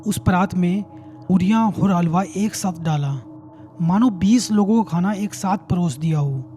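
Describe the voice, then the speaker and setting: Brief: male horror storyteller, high pitch, mellow dark tone, faint music beneath. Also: a little slow. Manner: dramatic, suspenseful.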